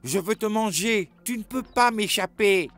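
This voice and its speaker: A man's voice: sits high, unhurried, fairly bright tone, soft background music. A man voicing a hungry duck in a cartoon, begging to eat. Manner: pleading, hungry. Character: hungry waddling female duck.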